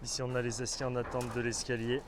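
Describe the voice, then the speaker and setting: A man from a construction company leads an informal walkthrough of a building site, describing the work with some hesitant fillers. His medium-pitched voice is monotone and fast, with background noise in the recording.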